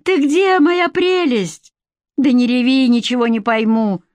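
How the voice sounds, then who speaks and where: A woman's voice: on the high side, expressive, takes it slowly, no echo. A woman doing a brash, bossy friend. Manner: loud, blunt, rough-talking.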